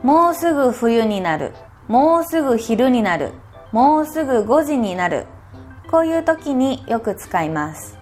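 A woman teaching a language lesson in a gentle, encouraging way, acting out short example dialogues. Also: fairly high pitch, sing-song, measured pace, faint music behind. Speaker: Japanese teacher. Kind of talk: scripted podcast lesson.

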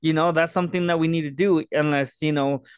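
A man co-hosting a casual sports chat, measured and analytical, with frequent fillers. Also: on the high side, steady tone, clean tone, no room sound, studio quality. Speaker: podcast co-host.

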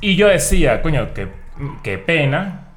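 A man's voice: a little high, very animated, a little slow, a bit bright. A man, talking candidly and reflectively in a casual podcast chat and swearing freely.

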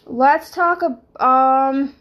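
A woman's voice: high voice, very slow, fairly bright tone. A middle-aged woman with a Southern US accent hosting a casual solo fitness podcast, rambling and thinking aloud with fillers. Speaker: podcast host, fitness coach.

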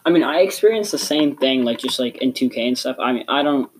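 Teen male podcast co-host, mid-pitched, casual filler-heavy talk, faint hiss. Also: animated, a little fast, low-quality recording. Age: teens.

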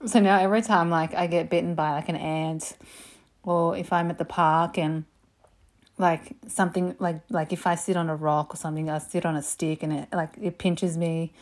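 A woman telling personal stories in a casual, animated way, swearing freely and saying "like" a lot. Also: on the low side, normal speed. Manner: animated, profane, lots of "like". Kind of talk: casual storytelling.

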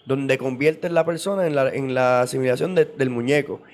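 A man's voice: mid-range voice, normal speed, a little mellow. A man explaining in casual interview talk, at length, with frequent repeats and restarts. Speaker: guest on esoteric topics.

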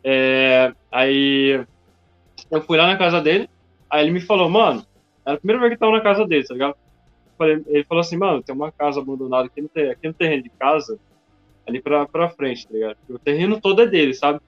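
Fast-talking slangy young Brazilian man. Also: a little high. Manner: slangy, peppers speech with "mano" and "tá ligado". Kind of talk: casual chat. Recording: dull lo-fi recording with faint music.

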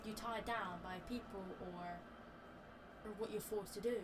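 A woman's voice: medium pitch, steady tone, a little slow. A woman guest in casual conversation, talking informally and a bit hesitantly. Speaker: podcast guest. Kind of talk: casual chat. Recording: clearly noisy background.

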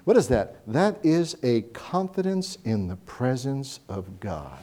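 A man preaching a sermon, telling Bible stories with animated voices and reading scripture slowly. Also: medium pitch. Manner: animated storytelling, acts out Bible characters; slows down to read scripture.

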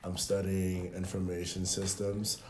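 A deep-voiced man in his twenties from Benin, a native French speaker, appears as a podcast guest. He talks at a measured pace in an echoey room, telling stories in a relaxed, casual way with lots of fillers.

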